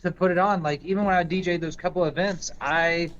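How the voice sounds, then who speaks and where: A younger man in his twenties chats easily on a podcast in a fairly high voice, using relaxed slang. The sound is dull and lo-fi. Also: brisk, slight background noise. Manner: laid-back slang, easygoing. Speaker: podcast co-host. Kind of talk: casual podcast chat.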